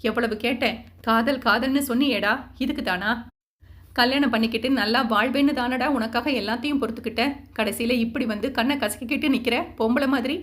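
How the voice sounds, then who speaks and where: A woman's voice: on the high side, a little fast, close to an everyday voice. A woman voicing a furious scolding mother. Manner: scolding, shouting. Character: furious grieving middle-aged mother.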